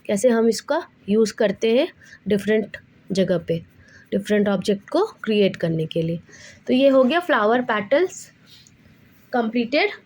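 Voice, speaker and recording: Woman art teacher, fairly high voice, patient step-by-step tutorial delivery. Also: mellow. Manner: patient, addresses viewers as children. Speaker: drawing teacher. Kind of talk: tutorial instruction.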